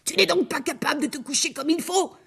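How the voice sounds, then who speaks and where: A woman's voice: fairly high pitch, big pitch swings, unhurried, creaky, a bit bright, heavily acted. Snappish young ogress girl, voiced by a woman. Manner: snappish orders. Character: young ogress daughter, spiteful and impatient. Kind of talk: storybook character voice.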